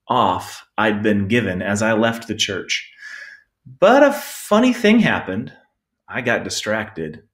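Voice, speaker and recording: A male preacher delivering a sermon in an unhurried, measured way. He reflects aloud, pokes fun at himself, and keeps turning to rhetorical questions. His voice sits at an ordinary middle pitch for a man. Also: fairly bright tone. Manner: reflective, self-deprecating storytelling with rhetorical questions.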